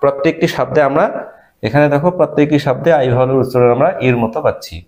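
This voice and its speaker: A man teaching children English phonics, spelling out letters and sounding out each word slowly. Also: mid-range voice, steady tone, a little mellow. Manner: slow, spells letters then sounds out words.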